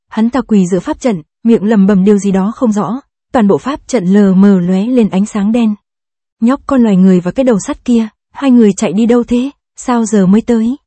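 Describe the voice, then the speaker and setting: Mellow, husky woman narrating an audiobook. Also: medium pitch, no room sound. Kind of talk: scripted narration.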